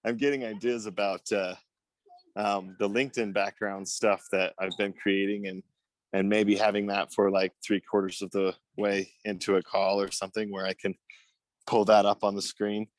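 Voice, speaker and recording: A lower-voiced man speaks into his phone outdoors, and his sound is dry and close. He is out of breath and rambles eagerly, with lots of ums and likes. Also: completely flat delivery, moderate pace, no room sound. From Utah. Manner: enthusiastic, rambling, many fillers. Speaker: meeting participant. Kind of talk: casual video call talk. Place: outdoors, windy. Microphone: phone on a video call.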